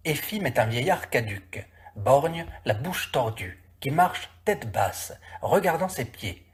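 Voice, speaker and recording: A man narrating a classic story in a vivid, expressive reading. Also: medium pitch, slow pace.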